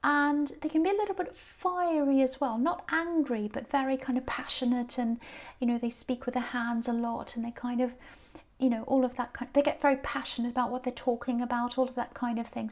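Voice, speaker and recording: Tired lady doing a chatty tarot reading, voice kinda high and croaky, gently talks things through. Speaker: tarot reader. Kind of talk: casual tarot card reading.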